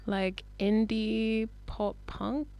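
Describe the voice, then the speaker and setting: A woman's voice: a little high, level tone, drawn-out words, darkish tone. A young British woman, a musician guest, answering interview questions in a laid-back, hesitant way with lots of fillers.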